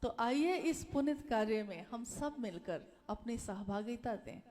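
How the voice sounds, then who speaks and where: High, slow-spoken woman giving a devotional talk. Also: expressive, darkish tone. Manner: earnest, pleading, repeats key phrases. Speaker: speaker at a devotional gathering.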